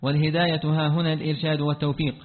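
A man reading a classical text aloud to his teacher, rushing and restarting when he stumbles over words. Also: fairly high pitch, little pitch movement. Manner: rapid reading with frequent restarts after stumbles. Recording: tinny phone-like sound with a long hall reverb.

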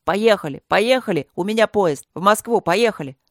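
A smarmy, handsome man with a cocky swagger, as a woman narrator puts him on. His voice sits low and is recorded dry and close, as in a storybook reading. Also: expressive, moderate pace, darkish tone, no room sound. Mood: panicked. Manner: swaggering, then panicky. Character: smug handsome blackmailer man.

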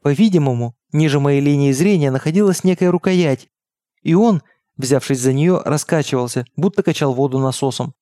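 A man reading an audiobook in steady, measured narration. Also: on the high side, no echo, clean studio sound. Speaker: audiobook reader. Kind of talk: scripted narration.

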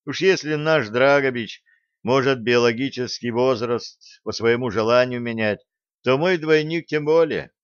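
A man's voice: mid-range voice, a little slow, clear, resonant tone, no echo, natural voice. A man voicing a bold male space captain in a sci-fi audiobook, speaking decisively with sarcastic energy. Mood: wry. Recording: dull lo-fi dry recording.

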